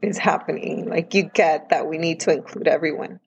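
A woman's voice: deep voice, moderate pace, creaky, breathy edge, dull audio. A woman in her thirties, a parent talking earnestly and emotionally in a casual interview. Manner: earnest and emotional, quoting others in lively voices. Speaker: guest, parent of a child with food allergies.

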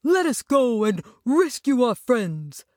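A woman voicing a timid male lion who speaks slowly and draws out his words. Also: fairly high pitch, very animated, no echo, studio quality, voice pushed up. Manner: slow and drawn-out.

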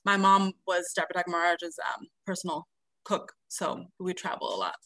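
A woman in her thirties, raised in South America, answering interview questions softly with many hesitant ums. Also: fairly low pitch, big pitch swings, moderate pace, creaky, no room sound. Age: 30s. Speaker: podcast guest, nurse.

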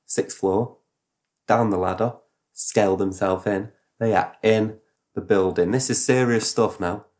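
A man retelling a story in casual podcast chat, animated and rambling, with sound effects. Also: on the low side, unhurried. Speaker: podcast host.

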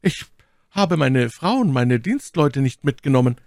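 A man voicing a scheming, cornered noblewoman in an audiobook reading, with shrill, indignant outbursts. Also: animated, measured pace, gravelly, a little mellow, dry recording, clean studio sound. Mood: startled. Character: scheming, cornered noble woman, haughty and fierce.

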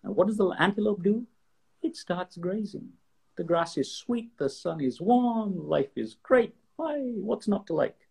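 A man being interviewed as an expert, explaining ideas with lively stories and acted-out examples. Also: sits high, a little slow, gravelly, husky. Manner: animated storyteller, acts out examples in voices. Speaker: guest expert. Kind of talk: conversational interview.

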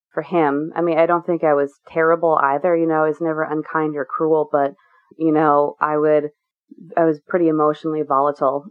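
A woman being interviewed as a guest, talking candidly and at length, with many fillers and restarts. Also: low-pitched. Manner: earnest, rambling with many fillers. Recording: tinny phone-like line.

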